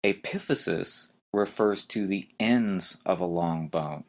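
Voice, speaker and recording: A man's voice: low voice, takes it slowly. A man hosting a medical terminology podcast, spelling each term letter by letter and pointing out where the stress falls. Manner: spells words letter by letter and stresses syllables carefully. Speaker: podcast host teaching medical terms. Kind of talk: slow spelled-out lesson.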